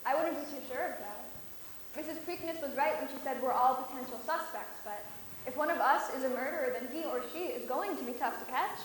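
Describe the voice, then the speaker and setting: A skeptical lady detective played by a woman talks in a high voice in a very echoey hall with faint hiss. She is sharp-tongued, in a comic stage style. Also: fairly quick, natural voice.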